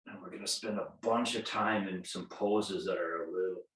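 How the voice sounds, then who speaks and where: This yoga instructor, a man in his fifties, speaks low with fairly even intonation at a moderate pace, his tone fairly bright. Self-deprecating, he laughs at his own jokes and stretches out his cues while guiding the class. The mic sits far away, leaving his voice off-mic in an echoing room.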